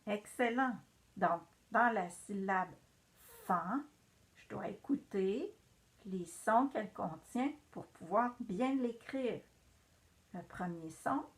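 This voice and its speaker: A woman's voice: medium pitch, lively intonation, slow. A woman teacher giving a patient, encouraging reading lesson to young children.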